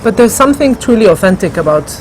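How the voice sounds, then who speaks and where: Her medium-pitched voice is expressive and fast as this middle-aged Ghanaian café co-founder, a guest in a conversational interview, answers questions with thoughtful hesitation and many fillers. Background noise runs through the recording.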